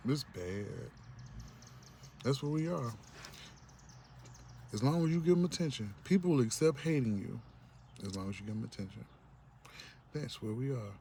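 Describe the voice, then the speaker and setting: A man's voice: mid-range voice, lively intonation, moderate pace, pauses often, mellow. Blunt, profane man ranting over road noise. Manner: blunt, profane, acts out other people's voices. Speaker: vlogger. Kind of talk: ranting monologue. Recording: vehicle noise in background.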